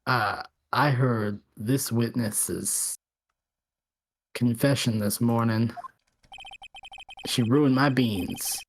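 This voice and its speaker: A woman voicing a smug, coffee-obsessed male prosecutor in a slow, dramatic, taunting delivery for a voice-acted game reading. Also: very deep voice, slight background noise, exaggerated voice. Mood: scornful.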